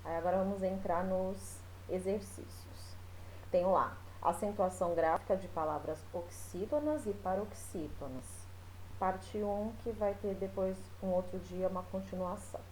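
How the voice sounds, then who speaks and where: A woman's voice: medium pitch, a little mellow, slight background noise, rough recording. A woman teacher talking her class through a recorded lesson in a loose, chatty way, with many small fillers. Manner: explains slowly, with frequent fillers.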